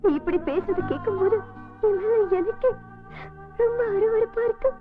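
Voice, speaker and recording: A woman's voice: very high voice, steady tone, moderate pace. An actress playing an emotional young woman who scolds and pleads in a film drama. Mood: upset, pleading. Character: young woman torn between two pursuing men. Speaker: film heroine. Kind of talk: Tamil film drama acting. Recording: tinny lo-fi film audio with music. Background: film score music.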